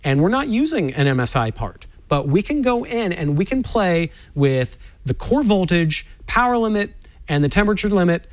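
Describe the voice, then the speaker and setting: A man's voice: sits high, very animated, normal speed. A man explaining how to overclock a graphics card in a cautionary, instructive way. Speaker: tech demo guest explaining overclocking. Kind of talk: explanatory studio segment.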